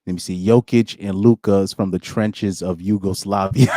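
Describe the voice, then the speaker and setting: A man's voice: sits low, steady tone, moderate pace, mellow, no echo, studio quality. A young man hosting a live-streamed podcast in casual chat, reading out comments and rambling with slang and frequent restarts.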